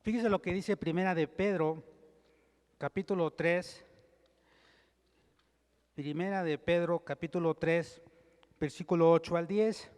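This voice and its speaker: A male pastor preaching a sermon, teaching point by point in a measured way and reading scripture aloud. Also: a little high, fairly even intonation, a little mellow. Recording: long hall reverb.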